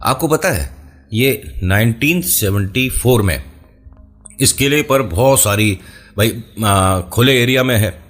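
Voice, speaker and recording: A man's voice: on the low side, expressive, takes it slowly, fairly bright tone, soft background music. A man hosting a casual horror storytelling show, chatting straight to the listener with playful asides. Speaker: storyteller and channel host.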